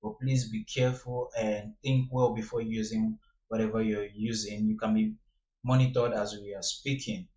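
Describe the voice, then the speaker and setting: A man's voice: lowish voice, level tone, moderate pace, mellow, roomy sound, poor audio. A man giving a casual, earnest warning to his viewers. He keeps repeating his pleas to be careful. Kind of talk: casual direct-to-camera commentary.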